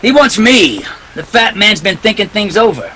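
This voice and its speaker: A man's voice: sits high, very animated, moderate pace, heavy background noise. A man playing a tough, wisecracking private detective in a 1940s-style radio drama, clipped, sardonic and impatient. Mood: cocky. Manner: clipped, hard-boiled, sardonic.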